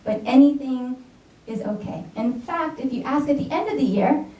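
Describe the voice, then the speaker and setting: Her voice high, mellow and lively at a moderate pace, an American woman who teaches secondary school delivers a conversational talk in a conference hall. She keeps asking her audience "all right?" and "right?", and the distant recording sounds dull and echoey.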